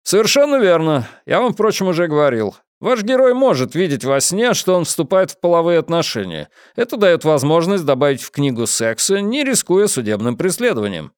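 A man doing a brisk smug lawyer. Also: a little high, very animated, clear, resonant tone, dry recording, clean studio sound, pitched above the performer's own voice.

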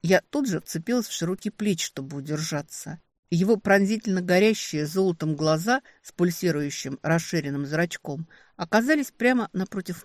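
A woman with a low-pitched voice narrates a first-person romantic fantasy audiobook, turning expressive and lively when voicing the heroine. The recording has no echo.

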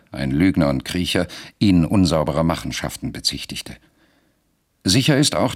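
A man narrating a radio drama in a measured, deliberate storytelling manner. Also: sits low.

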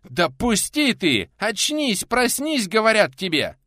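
A man voicing a rough, menacing medieval warrior who slurs his folksy speech, in an audiobook. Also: fairly high pitch, very animated, normal speed, fairly bright tone, no echo, studio quality, voice pushed up. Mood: shouting.

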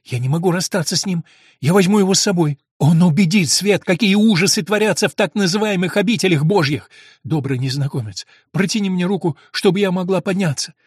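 A man's voice: a little high, fairly quick, darkish tone, husky, dry recording, clean studio sound. A man voicing a starving, chained woman prisoner who pleads in breathless exclamations. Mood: ecstatic.

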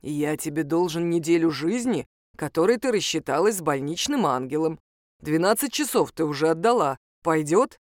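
A woman voicing a gruff male talking wolf who speaks in short, matter-of-fact lines. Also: sits low, animated, normal speed, no room sound, studio quality, pitched below the performer's own voice.

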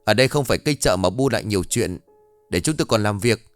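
A man's voice: on the low side, lively intonation, quick pace, no echo, soft background music, lightly acted. A man voicing an impatient, brusque male village official in an audio story.

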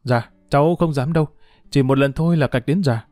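A man's voice: medium pitch, brisk, warm tone, dry recording, faint music behind, lightly acted. Man reading a remorseful pleading young man. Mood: earnest. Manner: choked, apologetic.

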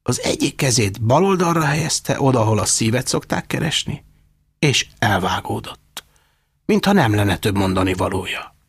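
Gravelly, husky male audiobook narrator. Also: mid-range voice, no echo. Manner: wry, expressive storytelling. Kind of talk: scripted narration.

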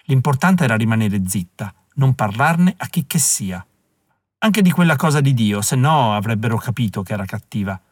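A man reading an audiobook in a measured, even scripted narration, recorded on a close mic. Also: mid-range voice, no echo.

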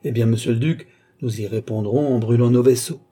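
A man voicing a fussy, agitated male lawyer who is effusive and excitable. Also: mid-range voice, brisk, husky, natural voice.

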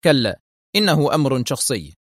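A cool, sardonic male secret agent, read by a narrator in nearly his own voice. His lines are curt and mocking, delivered at a steady middle pitch. The audiobook sound is close and dry. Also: a little fast, no room sound, lightly acted. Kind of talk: audiobook character voice.

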